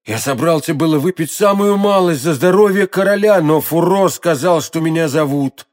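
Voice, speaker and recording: A man's voice: a little high, normal speed, a little mellow, pitched above the performer's own voice, lightly acted. A man voicing a timid servant who babbles fearfully in a raised voice. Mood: frightened. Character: frightened male servant, timid, trembling.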